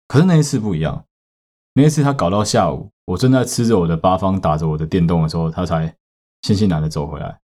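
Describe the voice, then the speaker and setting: Low-voiced man with a Taiwanese accent. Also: fast talker. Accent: Taiwanese Mandarin. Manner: profane, with sudden loud outbursts. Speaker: podcast host. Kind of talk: casual storytelling.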